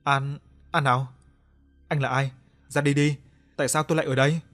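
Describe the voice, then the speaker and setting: A man's voice: mid-range voice, brisk, soft background music, close to an everyday voice. A man voicing a frightened, panicked young woman in an audio story.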